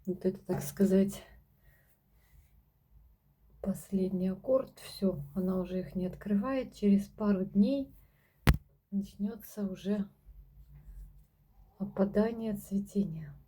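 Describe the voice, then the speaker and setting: A woman showing her houseplants in a casual vlog at home, speaking softly and often dropping to a whisper as she talks to her viewers. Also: mid-range voice, slow, long pauses, a little hiss or hum. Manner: soft-spoken, often drops to a whisper, addresses viewers as girls. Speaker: plant vlogger. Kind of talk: casual plant-collection vlog. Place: home among houseplants, indoors.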